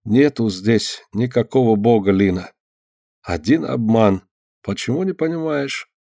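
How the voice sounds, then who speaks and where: A man's voice: mid-range voice, expressive, a little slow, vocal fry, dark tone, dry recording, clean studio sound. A man voicing a timid, kindly man who speaks in broken, ungrammatical sentences and laments in a sing-song way. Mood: uneasy.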